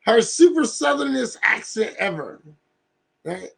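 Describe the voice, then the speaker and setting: A man's voice: extremely high pitch, sing-song, measured pace, vocal fry, husky. A man hosting a livestream, rambling and profane, who keeps checking in with "right?" as he lays out an idea. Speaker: livestream host. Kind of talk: casual livestream rant.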